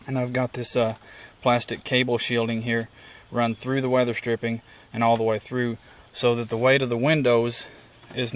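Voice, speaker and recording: Beside a house porch, a man with a mid-range, fairly bright voice casually explains things step by step in plain, folksy terms. He's a hobbyist presenter, and birds, insects and outdoor ambience come through clearly.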